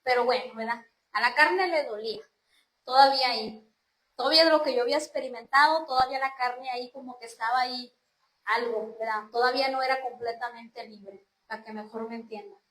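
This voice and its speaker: A woman's voice: a little high, fairly even intonation, a little fast, a bit bright. A woman from Mexico gives an earnest religious testimony, repeatedly calling her listeners brothers and sisters. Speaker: churchgoer giving testimony. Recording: roomy echo.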